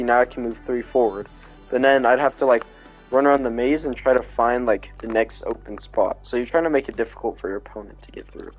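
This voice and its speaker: A drowsy man talks through a game-world tour in loose, rambling commentary, his sentences stuffed with "like" and "um". His voice sits at an ordinary middle pitch, and soft music plays faintly behind him. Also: poor audio. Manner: rambling, heavy on fillers like "like" and "um". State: sleepy, yawning. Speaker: video game creator touring his build. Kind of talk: casual gameplay commentary.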